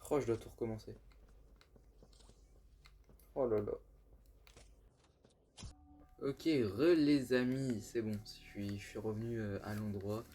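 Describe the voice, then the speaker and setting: A man's voice: lowish voice, flat delivery, moderate pace, long pauses, warm tone. A young man casually commenting on a game he is playing, joking and chatty with many fillers and restarts. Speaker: gaming youtuber. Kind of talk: casual let's-play commentary.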